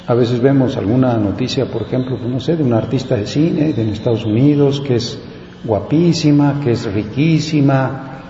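Priest, male, reflective meditation, warm dark voice, roomy echo with faint hiss. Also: medium pitch, moderate pace. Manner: reflective, frequent "pues" fillers. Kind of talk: prayer and spoken meditation. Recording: dull echoey hall with faint hiss.

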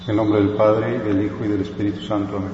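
A man leading prayer and a spoken meditation in a reflective way, often pausing on filler words. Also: fairly low pitch, level tone. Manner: reflective, frequent "pues" fillers. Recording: dull echoey hall with faint hiss.

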